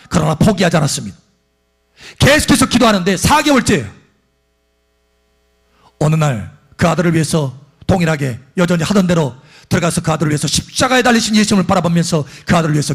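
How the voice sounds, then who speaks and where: A man preaching a sermon as pastor, passionately acting out prayers and blessings. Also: husky. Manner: impassioned preaching, voice surging high on quoted prayers and blessings.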